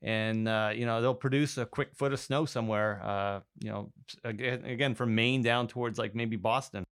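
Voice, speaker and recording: A man co-hosting a weather podcast, explaining in a steady way with fillers. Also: medium pitch, moderate pace, smooth. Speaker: meteorologist co-host. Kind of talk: casual chat.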